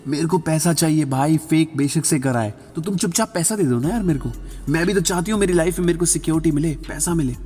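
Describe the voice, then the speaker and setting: A man's voice: fairly high pitch, fast talker, mellow, slightly rough. A man voicing a scheming, greedy young wife who talks in a cold, demanding way. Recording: reverberant voice-over with background music.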